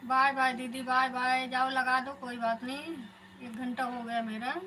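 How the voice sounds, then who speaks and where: A woman's voice: high-pitched, little pitch movement, unhurried, bright, forceful tone, slight background noise, poor audio. A woman hosting a live stream, chatting casually with her viewers and calling them elder sister.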